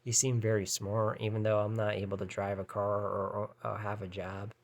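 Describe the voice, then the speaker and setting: A man in his thirties vlogs straight to camera, rambling hesitantly with lots of fillers and restarts. His voice is fairly low with little pitch movement, brisk, and has some vocal fry.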